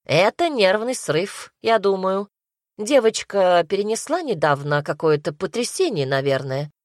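A woman voicing an elderly woman doctor, brisk and matter-of-fact. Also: medium pitch, very animated, dry recording, studio quality.

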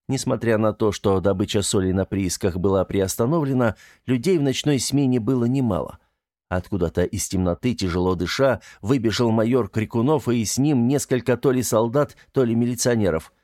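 Deep-voiced man narrating an audiobook. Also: dark tone, dry recording, studio quality. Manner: measured, storytelling.

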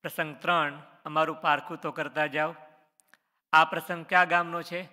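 A man's voice: on the high side, little pitch movement, moderate pace, sharp tone. Man, scripture quiz review, questions then answers, echoing hall. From Gujarat, India. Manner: reads a question then answers it, adding short explanations. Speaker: religious teacher.

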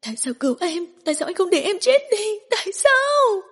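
A woman's voice: very high voice, expressive, moderate pace, darkish tone, voice pushed up. A woman narrator voicing a fragile, traumatized young woman who sobs and pleads like a child. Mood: hysterical. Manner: weeping, pleading, trembling.

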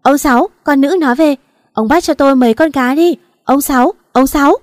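Brief: woman narrator doing an older village woman, loud and bossy, with a husky voice. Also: a little high, brisk, lightly acted. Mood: hollering. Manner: calls out loudly, scolding and affectionate. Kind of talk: audiobook narration.

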